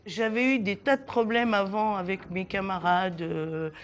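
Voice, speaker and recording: A woman in her sixties, born in southern Italy with Italian as her first language, recounting her childhood in a halting, reflective way with many pauses. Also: mid-range voice, steady tone, a little hiss or hum. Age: 60s. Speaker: interviewee. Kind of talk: personal testimony in a documentary.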